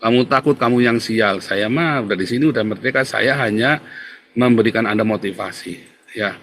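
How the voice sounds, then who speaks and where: A man in a bright, sharp voice. He rants directly at his viewers, repeating his points again and again with defiant emphasis and an occasional laugh. A faint hiss of background noise sits under his voice. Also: lowish voice, normal speed. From Indonesia. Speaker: vlogger. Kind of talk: ranting monologue to viewers. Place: abroad, not the pictured home country.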